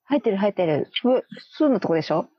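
Her husky mid-range voice moves fast and stays very animated as this co-host talks casually with a friend, giggling a lot and toying with invented syllables. There's no room sound, and the recording is dull, dry, and lo-fi.

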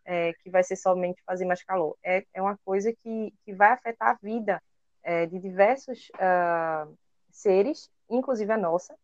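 Careful explanations with many word-searching hesitations come from a Brazilian Portuguese-accented woman co-hosting an educational podcast. Her medium-pitched voice is a little mellow and a little slow, captured in a dull, dry lo-fi recording without echo.

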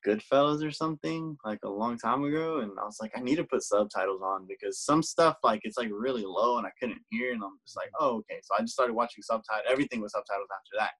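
A man co-hosting a casual podcast, ranting in an animated way and swearing freely. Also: fairly low pitch, husky, rough recording. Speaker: podcast co-host. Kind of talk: casual chat.

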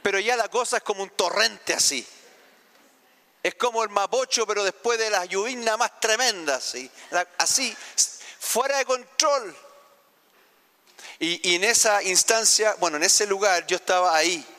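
A Chilean pastor preaching a heartfelt sermon, asking the congregation questions. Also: male voice, high-pitched, expressive, normal speed, sharp tone, in a large hall. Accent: Chilean Spanish. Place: church sanctuary.

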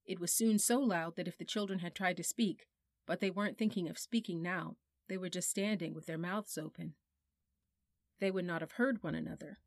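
A woman narrating a children's storybook in a measured, softly expressive way. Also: lowish voice, no echo, clean studio sound. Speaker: audiobook narrator.

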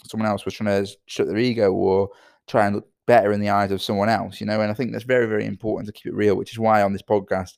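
A man's voice: lowish voice, little pitch movement, fast, creaky, a little mellow, no echo, studio quality. A tired British man hosting his own podcast, talking on in a rambling way with many fillers and repeated words. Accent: British English. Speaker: podcast host and entrepreneur. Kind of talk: solo podcast monologue.

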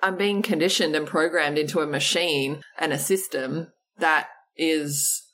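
A woman's voice: low-pitched, steady tone, unhurried, fairly bright tone. A woman, a company CEO guest, talking animatedly in a casual interview, often saying "like" and laughing. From Australia.

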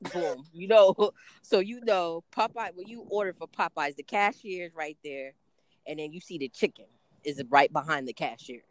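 A podcast co-host telling a story in an animated way and laughing often during a casual chat. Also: mid-range voice, no room sound. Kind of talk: casual smoke-session chat.

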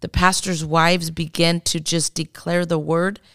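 A woman speaking as a guest minister, earnestly telling a faith testimony and slowly acting out the prayers she leads. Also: lowish voice, flat delivery, fairly bright tone, no echo, clean studio sound. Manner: earnest, slow and deliberate, acts out prayers. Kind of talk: testimony in a podcast interview.

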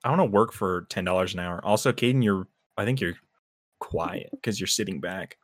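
A man's voice: low voice, moderate pace, no room sound, clean studio sound. A young man in casual banter with friends, teasing and rambling through his thoughts. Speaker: friend in a group chat.

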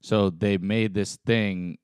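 A man's voice: lowish voice, steady tone, slow pace, darkish tone, smooth, no room sound, studio quality. A man co-hosting a casual comedic chat, reacting informally and freely swearing. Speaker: podcast co-host reacting and commenting.

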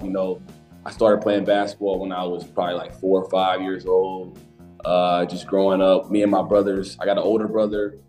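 A young man from Alabama, a college basketball player chatting as a podcast guest in a relaxed, rambling way. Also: low voice. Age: young adult. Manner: relaxed, rambling, many restarts. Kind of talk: casual interview chat.

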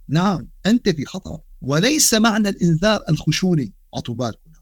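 A man with a Levantine Arabic accent delivers a religious lesson at a quick clip, his voice sitting fairly high. He fires rhetorical questions and slips Quran verses into dialect speech. The recording is dry and close, with no room sound. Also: big pitch swings, slightly rough, no echo. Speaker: Islamic lecturer.

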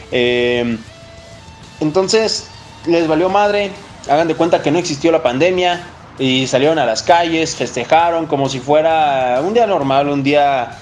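Male Mexican football host, fairly high voice, slangy and blunt casual opinion talk, some music behind.

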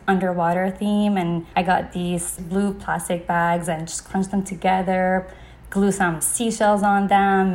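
Relaxed young woman telling her story. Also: fairly low pitch. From Saudi Arabia. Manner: conversational, peppered with "like" and "you know". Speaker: podcast guest. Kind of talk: casual interview storytelling.

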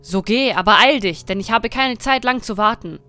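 A woman's voice: on the high side, moderate pace, a bit bright, soft background music, natural voice. A woman voicing a stern, murderous nobleman who gives cold, threatening commands in a fairy tale reading. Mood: menacing. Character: stern, menacing nobleman Bluebeard, murderous husband.

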